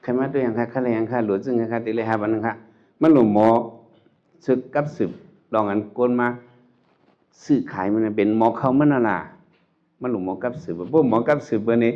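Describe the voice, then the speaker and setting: A man's voice: medium pitch, fast. A man giving an informal Dhamma talk as a Buddhist monk, chatty and full of rhetorical questions. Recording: dull lo-fi recording.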